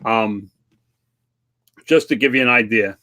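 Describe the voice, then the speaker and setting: A man's voice: lowish voice, measured pace, bright, forceful tone. A man in his fifties, a vlog host chatting casually and plainly as he answers viewer questions, self-deprecating and conversational. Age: 50s. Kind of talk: casual chat.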